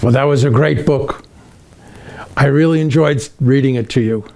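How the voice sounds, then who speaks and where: Guy doing a jolly old santa reading a xmas storybook to kids, mellow n crackly voice, kinda expressive. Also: medium pitch, normal speed, lightly acted. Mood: warm storytelling. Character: Santa Claus, jolly kindly old man. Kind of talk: reading a children's Christmas poem aloud.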